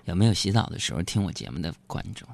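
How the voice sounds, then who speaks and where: A man's voice: expressive, very fast, creaky, over loud music. Playful man hosting a comic radio monologue. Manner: playful, self-mocking, sings in a falsetto. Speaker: radio show host.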